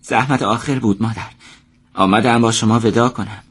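A man's voice: fairly low pitch, steady tone, breathy edge. A man voicing an earnest, determined young man. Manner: earnest, urgent.

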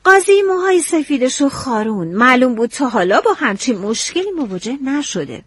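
A woman narrating a novel in a storytelling, expressive way. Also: sits high, slightly rough, dry recording.

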